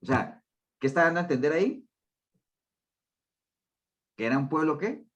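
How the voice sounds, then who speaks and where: A man's voice: on the high side, animated, moderate pace, lo-fi sound. A man leading a Bible study group, teaching conversationally in loose phrases and checking in with listeners through frequent tag questions. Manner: talks in loose, restarting phrases.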